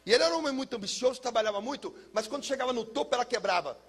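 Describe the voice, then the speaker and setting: A middle-aged man from São Paulo, a pastor telling his personal testimony as a dramatic storyteller who drops low and soft for heavy moments. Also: expressive, racing, slightly rough. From São Paulo, Brazil.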